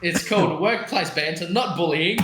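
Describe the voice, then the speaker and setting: Australian young bloke, podcast co-host, high bright voice, swears and rambles, echoey room. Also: male voice, normal speed, very noisy. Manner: sweary, laughing, rambling banter. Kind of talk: casual chat.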